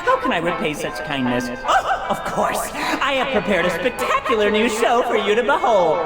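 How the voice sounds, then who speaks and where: A woman's voice: mid-range voice, huge pitch swings, normal speed, a loud crowd. A woman playing a theatrical, boastful trickster jester cookie from a cartoon game, narrating in a flamboyant, singsong, mock-sincere way like a grand stage showman. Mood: grandiose, gleeful. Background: loud music.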